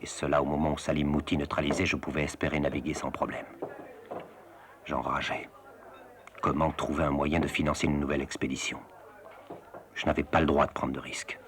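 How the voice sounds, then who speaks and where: An actor giving a grave, reflective first-person voice-over as an adventurer. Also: male voice, a bass voice, flat delivery, a little fast, pauses often. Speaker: narrator.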